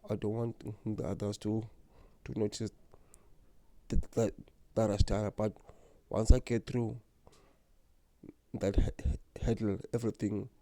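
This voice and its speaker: In a to-camera vlog, a young man from South Africa who stutters speaks earnestly and unhurriedly about hosting his own channel. His fairly low, warm voice keeps a level tone and leaves long pauses. The stutter shows in repeated words and blocks.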